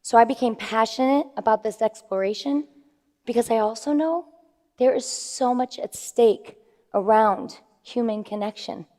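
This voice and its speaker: A woman's voice: a little high, normal speed, mellow. A woman who is a life coach, giving an earnest talk to an audience and stressing figures. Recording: long hall reverb.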